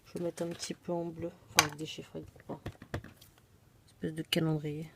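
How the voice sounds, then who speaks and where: A woman's voice: deep voice, level tone, a little fast, vocal fry, very noisy. A woman casually narrating a scrapbooking tutorial, chatty and self-deprecating, often dropping to a murmur as she works. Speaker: scrapbooking demonstrator.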